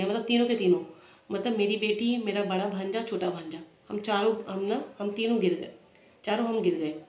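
A woman, telling a personal story in a vlog in an emotional, halting way. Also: fairly high pitch. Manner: emotional, halting retelling with many restarts. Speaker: vlogger. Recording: echoey room with faint noise.

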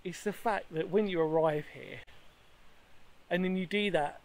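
A man's voice: sits high, unhurried, a little mellow. A man in his thirties talks to a handheld camera while exploring a sandstone cave in woodland, rambling enthusiastically and correcting himself as he goes. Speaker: history explorer vlogger. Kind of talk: walking vlog to camera. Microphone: handheld camera at arm's length.

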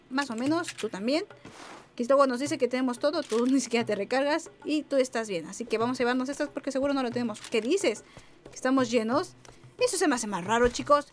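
A young woman giving chatty, excitable let's-play commentary and talking back to game characters. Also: sits high, fairly quick. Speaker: gaming YouTuber. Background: game music.

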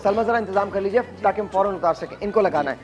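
A man hosting a morning TV show in a studio, loudly urging the live audience to shout and clap. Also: high voice, quick pace, highs cut off. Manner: energetic, rallies audience to shout.

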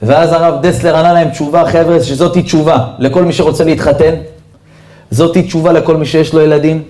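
A man, a rabbi, giving a storytelling sermon in an animated way and speaking straight to his listeners. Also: fairly high pitch. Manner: animated storyteller who addresses listeners directly. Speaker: rabbi giving a Torah lesson.

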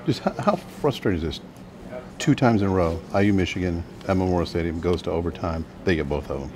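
Male reporter, deep and quick, probing questions, crowd noise around. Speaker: sports reporter. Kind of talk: press questions.

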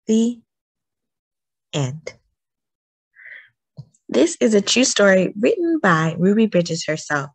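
In an expressive storytelling style, a woman reads a children's book, placing emphasis and phrasing her lines with care. Her mid-range voice has a breathy edge, and there's no room sound.

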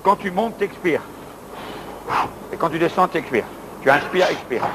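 A man coaching an exercise session indoors, giving brisk counted commands and encouragement. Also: fairly high pitch, animated, heavy background noise. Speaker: fitness coach.

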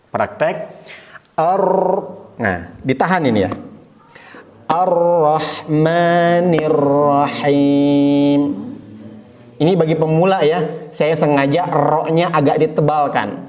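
Patient man teaching recitation slowly. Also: on the high side, a little mellow. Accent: Indonesian. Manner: patient, demonstrates words slowly and repeats corrections. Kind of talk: slow step-by-step recitation lesson.

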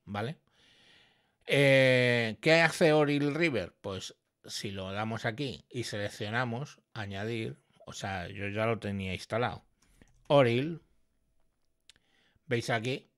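Man, tutorial presenter, unhurried, step-by-step explaining. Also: lowish voice, expressive, a bit bright. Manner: explanatory, frequent "¿vale?" check-ins. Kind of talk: screen-recorded software tutorial. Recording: echoey processed signal through audio effects.

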